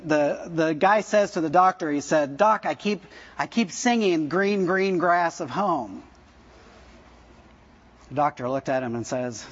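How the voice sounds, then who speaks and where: A pastor in his fifties preaches a sermon to his church conversationally, joking and asking the congregation questions. His voice is on the high side with a breathy edge, and the recording cuts off the highs.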